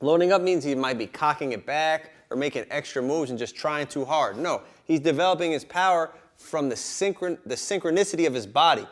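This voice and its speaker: In a boxing gym with clear background noise, a man coaches drills hands-on, speaking a little fast with lively intonation and hardly any pauses. His talk is informal and repetitive, full of "right?" tags and vocal punch sounds like whoop, bang and boom.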